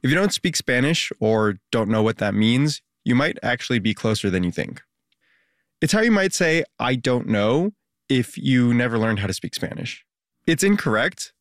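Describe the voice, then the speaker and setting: A man reporting a public radio news feature in a lively, conversational way, quizzing the listener. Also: mid-range voice, no echo, studio quality.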